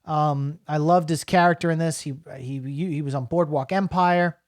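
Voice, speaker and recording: A man's voice: fairly high pitch, steady tone, normal speed, no room sound, clean studio sound. A middle-aged man from New Jersey giving a casual, rambling spoken film review, full of fillers and restarts.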